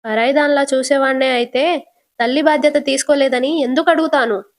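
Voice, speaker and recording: A woman voicing an angry middle-aged father who shouts and lectures his daughter. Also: high-pitched, fairly even intonation, brisk, natural voice. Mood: stern.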